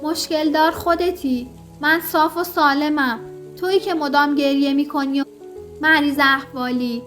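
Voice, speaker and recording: A woman reading the part of a harsh, angry young husband in an audio story, contemptuous and shouting. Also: sits high, fairly even intonation, soft background music.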